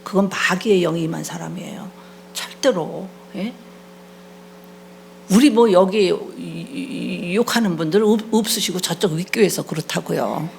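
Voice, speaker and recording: A woman's voice: fairly low pitch, moderate pace, gravelly, a little mellow, slight background noise. A middle-aged woman pastor preaching a sermon, scolding and prodding the congregation for replies. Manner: acts out quoted voices mid-sermon.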